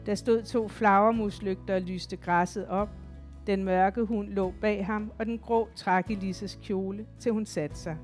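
A woman narrating a literary novel as an audiobook, in an even, measured manner. Her voice sits at a middle pitch. Faint music plays in the background.

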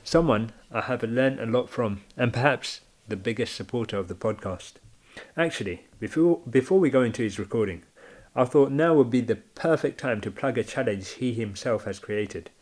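A man's voice: mid-range voice, normal speed, darkish tone. A man hosting a podcast, introducing contributors in a friendly, chatty way. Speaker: podcast host. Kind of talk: podcast presenting.

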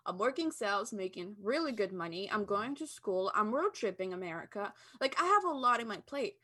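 A woman's voice: mid-range voice, big pitch swings, bright, forceful tone. A woman from Albania, a podcast guest, talking bluntly and candidly in casual interview chat. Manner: blunt, candid, talks fast and eagerly.

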